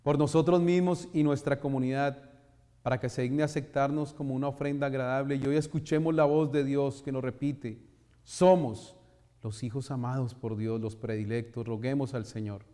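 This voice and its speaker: A man leading Mass as a priest, solemn and measured as he recites prayers and leads the congregation's responses in a cathedral echo. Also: medium pitch, steady tone, dark tone. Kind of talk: liturgical preaching and prayer. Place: large church. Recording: long church reverb.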